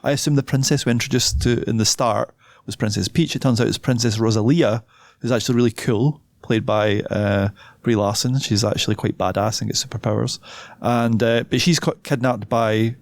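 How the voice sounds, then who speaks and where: A man's voice: mid-range voice, fairly even intonation, brisk, dry recording. A man, co-hosting a podcast, talking casually and hesitantly about a film he is reviewing. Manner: hesitant, self-deprecating, loses his thread. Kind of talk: casual chat.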